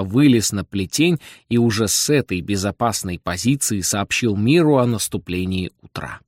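Expressive male audiobook narrator. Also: medium pitch, no echo, studio quality. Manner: expressive, storytelling. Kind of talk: scripted narration.

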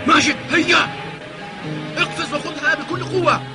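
A man playing an excitable, amazed football commentator in an animated series, exclaiming dramatically. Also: extremely high pitch, moderate pace. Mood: thrilled. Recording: loud music under the voice. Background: loud music.

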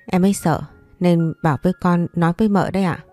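A woman voicing a timid young servant girl who pleads softly in a story reading. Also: fairly low pitch, fairly even intonation, quick pace, faint music behind, natural voice.

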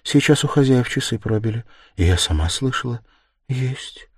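A meek, timid young woman, voiced by a male audiobook reader, speaks softly and hesitantly, her tone lifted far above his own low register. Her words come in small, unsure pieces that swell into tearful pleading. The recording is dry and close. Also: animated, moderate pace, breathy edge, no room sound. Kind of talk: audiobook character reading.

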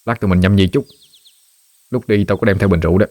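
A man voicing a brash young friend who talks in a quick, mocking way. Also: deep voice, darkish tone, natural voice. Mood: casual.

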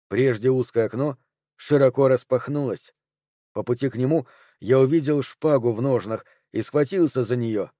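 Male audiobook narrator, mellow dark tone, measured read, dry booth sound. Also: medium pitch, no room sound. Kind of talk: scripted narration.

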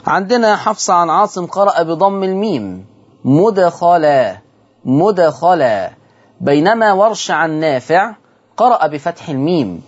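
A man's voice: on the high side, big pitch swings, breathy edge, lo-fi sound. Egyptian man teaching Quran recitation. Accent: Egyptian Arabic. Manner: slowly chants and repeats example words from the verses. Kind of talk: televised Quran recitation lesson. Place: television studio.

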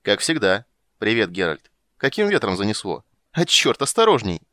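A charming, flustered bard chatters loudly with lively swings in his voice, voiced by a male narrator. He sounds raised and exclaiming. The sound is dry and close. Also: fairly low pitch, fast talker, no echo. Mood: breezy.

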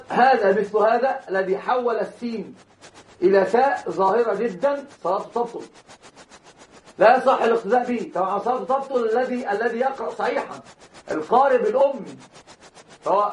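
High-voiced sheikh lecturing. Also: male voice, fairly quick. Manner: repeats and restarts words, acts out mispronunciations; addresses students directly, chuckles now and then. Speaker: sheikh teaching Islamic law. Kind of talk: classroom religious lecture. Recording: roomy, dull lo-fi lecture recording.

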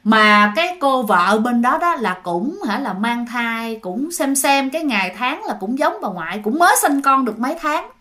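A woman with a Southern Vietnamese accent tells a ghost story casually. Her voice sits fairly high. She keeps turning to her listeners and drops small fillers as she goes. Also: big pitch swings, normal speed, hardly any pauses, bright, forceful tone. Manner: chatty, addresses listeners directly, frequent filler 'hả'.

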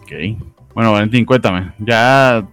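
A man's voice: fairly low pitch, measured pace, a bit bright, smooth, soft background music. A man, co-hosting a casual livestream, mostly giving short, dry replies. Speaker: co-host.

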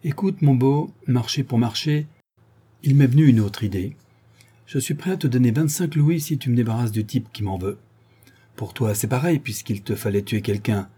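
A man's voice: medium pitch, normal speed, warm tone, breathy edge, close to an everyday voice. A man voicing a suspicious, hot-tempered old male farmer who barks his lines scornfully. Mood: menacing. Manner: barking, scornful.

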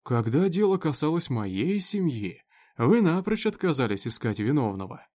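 A man's voice: on the high side, big pitch swings, normal speed, darkish tone. A man voicing a mocking, predatory prisoner who drawls his words slyly. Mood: taunting. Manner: sly, drawling, taunting.

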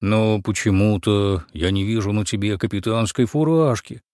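Shy sad little monster, read by a man, plaintive and gentle, dry close sound. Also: on the low side, moderate pace, no echo, close to an everyday voice. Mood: timid. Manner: timid, plaintive. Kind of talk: storybook reading.

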